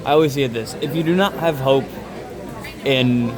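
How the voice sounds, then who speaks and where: A young man from Lexington, chatting earnestly and haltingly in a casual interview. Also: mid-range voice. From Lexington, Kentucky. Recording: loud crowd chatter in busy venue. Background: loud crowd in a public space.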